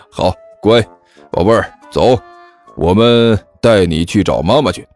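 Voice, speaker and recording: A man's voice: on the low side, big pitch swings, normal speed, a little mellow, soft background music. A man voicing a child trafficker who puts on a forced, cheerful manner and stammers with uneasy laughs. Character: fake-friendly male child trafficker, grown man.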